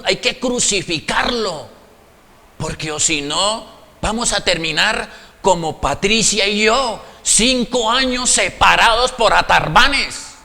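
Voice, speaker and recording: A male preacher, his voice high and sharp-edged, delivering a sermon at an unhurried pace. He acts out small dialogues, swinging his tone up and down as he plays them out. The sound rings with long reverb, as in a large hall. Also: creaky. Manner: animated, acts out little dialogues with shifting tones.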